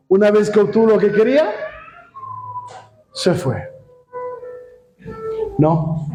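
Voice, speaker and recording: A man with a Mexican accent preaching a sermon as a pastor, firing rhetorical questions at the congregation and calling them brothers. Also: high voice. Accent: Mexican Spanish.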